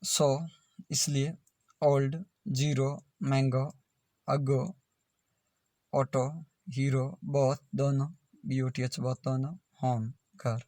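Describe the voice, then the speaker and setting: A man's voice: mid-range voice, flat delivery, slow, long pauses, warm tone, no echo, studio quality. A man teaching English pronunciation in a video lesson, spelling words out letter by letter and repeating them.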